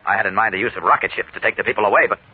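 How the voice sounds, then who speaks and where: Casting: a heroic superhero for a 1940s radio serial, earnest and rapid, slightly husky, old broadcast sound. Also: male voice, lowish voice, narrow, tinny audio. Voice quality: earnest, urgent, rapid delivery. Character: Superman, steadfast heroic adult male superhero.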